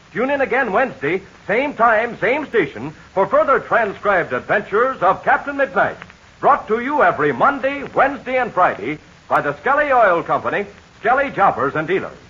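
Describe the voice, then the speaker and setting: On a dull, lo-fi transcription of old radio, a man announces a 1940s serial and pitches the sponsor's product to young listeners. His delivery is eager and breathless in kid-show sales fashion, and his voice is husky with a fairly bright tone.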